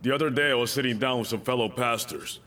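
A man's voice: medium pitch, fast, bright, forceful tone. A male pastor preaching a sermon, emphatic and repeating his key lines, with joking asides to the congregation.

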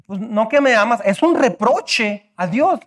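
A man's voice: very high voice, animated, measured pace, a bit bright. A man pastor preaching a sermon, emphatic, with rhetorical questions and repetition.

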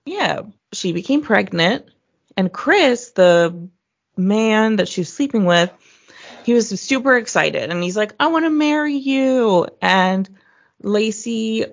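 Young woman, podcast co-host, casual true crime storytelling, gravelly fry, dull lo-fi sound. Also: animated, takes it slowly. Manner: chatty, swears casually, acts out quotes in a higher voice.

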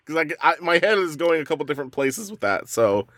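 A man's voice: fairly high pitch, big pitch swings, quick pace, a bit bright, dry recording. A man co-hosting a comedy podcast, chatting and bantering casually. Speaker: podcast co-host.

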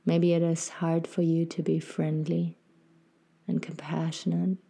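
A woman leading a guided meditation in a soft, gentle, soothing way, with phrases sometimes fading toward breathy near-whisper. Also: low voice, completely flat delivery, a little slow. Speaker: podcast host and meditation guide.

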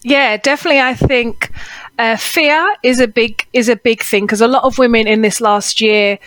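A middle-aged woman, a speaking coach, answering interview questions in an earnest, steady way with examples. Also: on the high side, moderate pace, dry recording.

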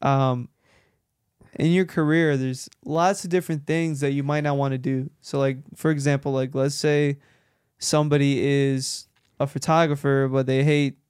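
A man, a podcast host who works in real estate, chatting casually and telling animated stories. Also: medium pitch, moderate pace, smooth, dry recording, clean studio sound. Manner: animated storyteller who acts out quoted dialogue.

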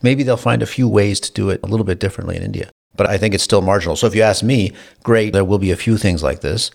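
A man's voice: lowish voice, fast talker, creaky. A man co-hosting a casual podcast, explaining global trade and food prices with dry humor. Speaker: co-host discussing economics.

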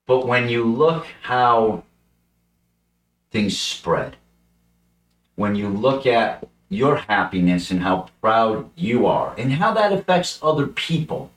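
A man's voice: mid-range voice, slow pace, roomy sound, far from the mic, low-quality recording. A middle-aged man, a teacher running for office, tells his life story with feeling and acts out the voices of the people in it. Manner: animated, acts out quoted voices, gets emotional. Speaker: political candidate and middle school teacher. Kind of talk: emotional personal storytelling.

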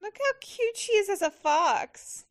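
A woman chatting casually while watching a film, gushing and expressive in her reactions. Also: extremely high pitch, measured pace, noisy background. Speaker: movie reaction commentator.

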